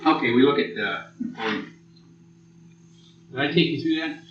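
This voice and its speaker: A man's voice: mid-range voice, moderate pace, noisy background. A man in his sixties with an American accent, lecturing a class and telling blunt, profane war stories. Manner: blunt, profane, animated storytelling. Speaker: military lecturer. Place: lecture hall. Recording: muffled old tape from far off in an echoey room.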